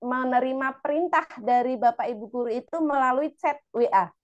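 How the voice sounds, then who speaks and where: Indonesian woman moderating a webinar, fairly high voice, polite and calm. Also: brisk. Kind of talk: webinar talk.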